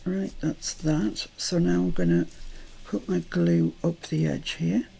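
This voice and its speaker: A woman's voice: fairly low pitch, fairly even intonation, takes it slowly, gravelly, dark tone, breathy edge. An older British woman chatting through a crafting tutorial at home, rambling into asides as she works.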